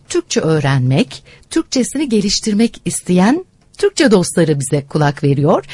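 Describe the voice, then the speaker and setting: A woman's voice: on the low side, warm tone, husky. A woman hosting a broadcast interview, greeting and guiding guests with courteous, effusive welcomes. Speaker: programme host.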